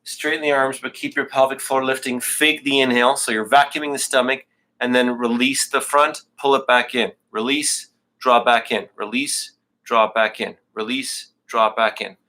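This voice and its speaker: Casual, bright-voiced male yoga teacher. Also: medium pitch, fairly even intonation, normal speed. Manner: casual, self-joking coaching with breathing cues. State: out of breath. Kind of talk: live online class instruction.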